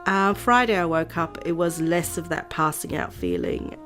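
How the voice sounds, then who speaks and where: A woman vlogger chatting casually to her viewers, her voice nasal and hoarse from a cold, rambling and laughing often. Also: lowish voice, normal speed, a bit bright, soft background music. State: voice going hoarse. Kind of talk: casual chat to camera.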